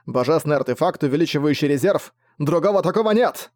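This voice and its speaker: A man's voice: on the high side, animated, quick pace, a little mellow, no echo, lightly acted. A man voicing a cocky young male mage in an audiobook, talking cheeky and urgent.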